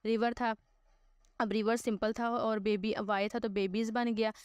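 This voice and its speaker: Patient woman teacher, clear voice. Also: fairly high pitch, little pitch movement, a little slow, a little mellow, no room sound. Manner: patient, repeats "ठीक है" to check understanding; mixes Hindi-Urdu with English terms. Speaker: English teacher. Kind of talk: recorded online class explanation.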